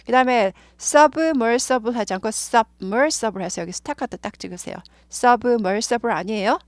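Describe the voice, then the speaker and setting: A woman's voice: on the high side, animated, normal speed, no echo. A woman with a Korean accent teaching English words and pronunciation, repeating each word over and over for learners to follow. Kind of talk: explaining English vocabulary and pronunciation.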